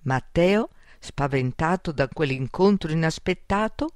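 Woman narrator for a kids' fairy tale audiobook; slow, careful, dry studio. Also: sits low, animated, darkish tone, no echo.

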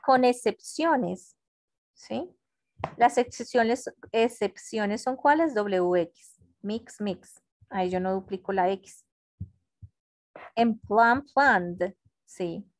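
A woman gives an online English lesson in an unhurried, patient way, often pausing to check understanding. Her voice sits at a middle pitch and is recorded close and dry on a computer mic. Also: no room sound. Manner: slow, patient explaining with frequent checks. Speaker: English teacher. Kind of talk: online class explanation. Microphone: computer mic on a video call.

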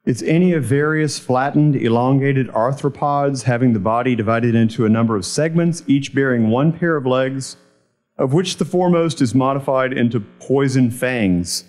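A man's voice: mid-range voice, moderate pace, a little mellow. A middle-aged man at a podium microphone, formally reading out words, definitions and sentences with careful enunciation as a spelling bee pronouncer. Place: large indoor event hall. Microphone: podium microphone on a stand.

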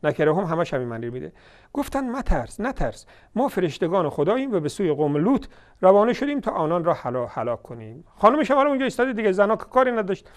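A man with a high, light voice delivering a fiery religious lecture for television. He swings between loud scolding outbursts and low, mocking asides, and he slows right down to recite scripture word by word. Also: sing-song. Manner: heated, scolding and mocking, loud bursts then quiet asides; recites scripture slowly and deliberately.

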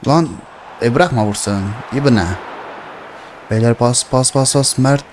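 A young man commenting on his own football video game, swearing and shouting at the players. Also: medium pitch, slow, slight background noise. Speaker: gaming streamer.

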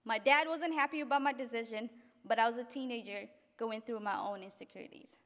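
A young woman from Africa reading a graduation speech at a podium in an event hall, earnest and halting at times. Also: a little high, a bit bright. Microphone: podium microphone. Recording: reverberant hall.

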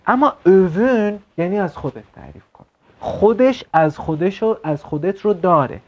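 Man teaching slowly, dull lo-fi recording. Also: high-pitched, lively intonation, darkish tone. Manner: asks quick checking questions, repeats words slowly. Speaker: Turkish language teacher. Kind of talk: explanatory online lesson at a whiteboard. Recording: slightly dull lo-fi sound.

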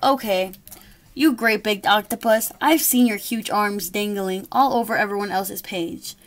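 A woman's voice: medium pitch, a little slow, voice pushed down, lightly acted. A woman voicing a bossy, shifty male bear detective who blusters and accuses, reading a storybook to a toddler. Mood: stern.

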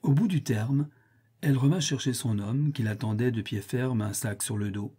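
A man reading a classic tale aloud as an audiobook narrator, in a calm, even storytelling manner. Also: medium pitch, normal speed, slightly rough. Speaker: audiobook reader. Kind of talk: scripted narration.

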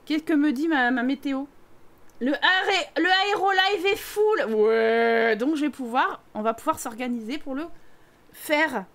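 Chatty high-voiced Parisian woman streamer. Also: unhurried, fairly bright tone. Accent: Parisian French. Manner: chatty, teasing, reads chat aloud. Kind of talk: casual live-stream chat over gameplay.

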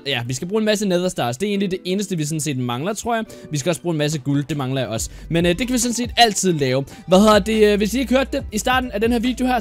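A man giving casual gameplay commentary for his channel, chatty and excitable, often trailing off into fillers and restarts. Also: fairly high pitch. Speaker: YouTuber.

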